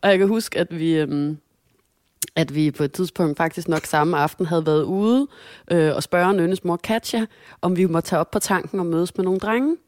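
A woman's voice: fairly low pitch, no echo, studio quality. A woman telling a childhood story in a casual chat, acting out what people said with changing voices. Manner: animated, acts out quotes with shifting voices.

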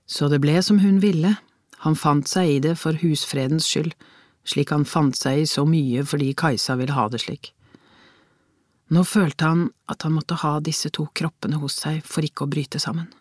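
A reader narrating a crime novel as an audiobook, in measured storytelling with tense inner questions. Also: medium pitch, steady tone, no echo, studio quality.

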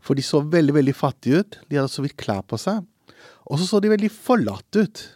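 A man's voice: fairly high pitch, big pitch swings, a little mellow, no room sound, clean studio sound. A young man, a comic creator, telling a story in an interview in an earnest, reflective way with many hesitations.

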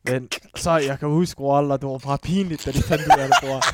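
A man's voice: medium pitch, steady tone, background noise. A man in his twenties co-hosting a podcast, rambling through a story and often checking in with his listeners. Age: 20s. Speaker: podcast co-host. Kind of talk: casual chat.

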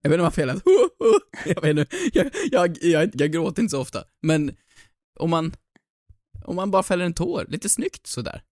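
A young man co-hosting a casual podcast, teasing and joking with quick comebacks. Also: fairly high pitch, expressive, a little mellow, no echo, studio quality. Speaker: podcast co-host.

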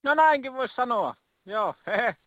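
A man playing a chirpy high-voiced gym guy calling in, bright and rambly, dry. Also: no room sound. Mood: cheerful. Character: chirpy young male gym-goer caller. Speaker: caller.

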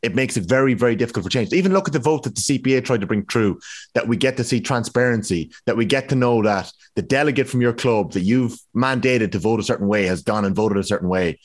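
A man's voice: medium pitch, fast talker. A man with an Irish accent hosting a casual sports discussion. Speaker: podcast host.

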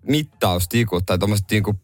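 A man's voice: on the low side, no room sound, faint music behind. Playful man hosting morning radio. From Finland. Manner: playful, jokey, animated. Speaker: radio morning show host. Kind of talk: casual radio banter. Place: radio studio.

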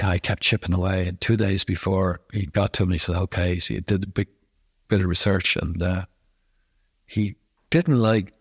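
A man's voice: on the low side, no room sound, studio quality. A man telling an anecdote, acting out both sides of a conversation. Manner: halting storytelling, quoting dialogue back and forth. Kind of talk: anecdote told in an interview.

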